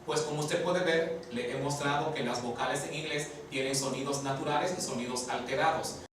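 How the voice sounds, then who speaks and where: A man teaching English pronunciation in a deliberate lesson, repeating key words slowly and posing rhetorical questions. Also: fairly high pitch, steady tone. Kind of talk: explanatory lesson. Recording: echoey room, mic far off, faint hiss.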